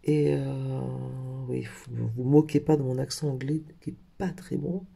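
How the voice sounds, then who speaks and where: A man's voice: medium pitch, fairly even intonation, unhurried, gravelly, warm tone, breathy edge. A man in a casual craft haul video, talking in a hesitant way with lots of fillers and self-corrections. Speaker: craft vlogger.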